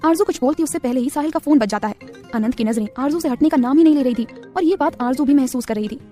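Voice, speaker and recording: A woman narrating a scripted romance audio story in quick, steady storytelling. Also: high-pitched, soft background music.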